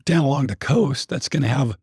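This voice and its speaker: Male podcast co-host, very husky and hoarse, casual conversational delivery, close dry sound. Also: medium pitch, animated, a little fast, a little mellow, no echo. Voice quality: raspy, hoarse voice.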